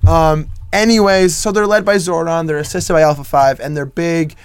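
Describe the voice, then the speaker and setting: High-voiced, joking young man podcaster. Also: fairly even intonation, smooth, no room sound. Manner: loose, profane and laughing, quick to joke. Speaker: podcast co-host. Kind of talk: casual movie-podcast chat.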